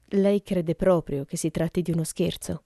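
A woman's voice: lowish voice, steady tone, warm tone, no room sound, studio quality. A woman reading a cool, precise old judge. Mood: calm. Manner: thin, clear, measured.

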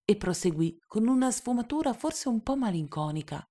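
A woman reading a storybook chapter aloud in calm, even first-person narration. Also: on the high side, normal speed. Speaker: reader.

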